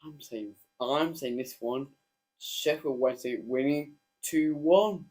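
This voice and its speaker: A man's voice: medium pitch, takes it slowly, a little mellow. A man co-hosting a casual chat, giving short, eager replies. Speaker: co-host.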